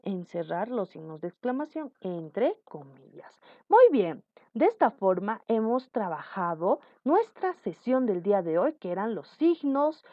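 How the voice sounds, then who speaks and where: A woman's voice: medium pitch, sing-song, unhurried, dry recording. A woman teacher giving a class and explaining patiently, often checking with the listener that they follow. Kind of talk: online class lesson. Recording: dull lo-fi dry sound.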